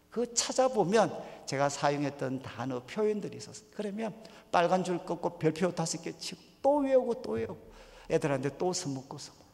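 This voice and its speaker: A man preaching a sermon at a revival meeting in a church, telling stories and acting out quotes with sudden loud rises. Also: high-pitched, long reverb tail. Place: church sanctuary.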